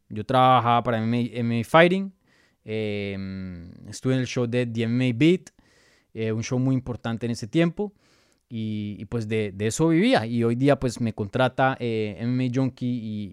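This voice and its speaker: Born in Colombia, this MMA journalist and show host runs a live Q&A, reading viewer questions aloud and answering chattily with plenty of fillers and restarts. His voice is medium-pitched and darkish yet clean, captured dry with clean studio sound.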